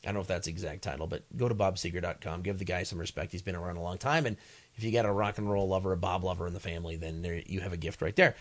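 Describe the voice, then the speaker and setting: A man's voice: low voice, steady tone, rapid-fire, voice pushed down. A man putting on the voice of a macho male classic rock radio DJ, doing a mock radio break with filler uhs. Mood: upbeat pitch. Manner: punchy announcer delivery with filler uhs.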